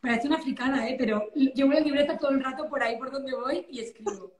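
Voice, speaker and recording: This high-pitched, fast-talking woman in her thirties hails from Valencia and speaks with a Spanish accent. As an animated interview guest, she chats casually and exclaims often over a phone video call from her living-room sofa. The phone sits at arm's length, and the live stream echoes roomily.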